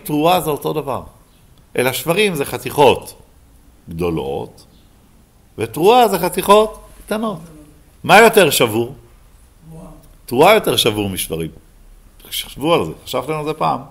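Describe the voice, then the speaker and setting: A rabbi giving a Bible lesson to a live class, who keeps asking his listeners questions and then answering them himself. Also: on the high side.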